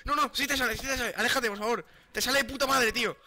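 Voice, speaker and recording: Un hombre con acento de España que juega en directo, charlando de forma excitable, suplicante y bromista. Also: male voice, extremely high pitch, very fast, dry recording. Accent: Spain Spanish. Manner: excitable, pleading, joking. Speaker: gaming streamer. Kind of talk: live gameplay chat.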